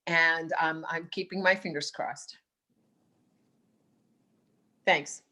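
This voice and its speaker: A woman giving thoughtful, halting remarks on a video call, often restarting her sentences. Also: deep voice, fairly even intonation, pushed and bright. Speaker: meeting participant on a science policy team. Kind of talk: online meeting remarks.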